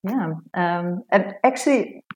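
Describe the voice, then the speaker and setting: Speaking slowly in a medium-pitched, slightly mellow voice, a woman raised in Belgium appears as a podcast guest. Her casual interview talk is warm and chatty, sprinkled with lots of fillers.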